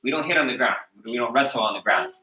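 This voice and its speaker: A fast-talking American taekwondo instructor with a mid-range, bright and forceful voice teaches a martial arts class. He's instructive, checking in with "okay?" after each point. The sound comes from an echoey room, picked up from far away.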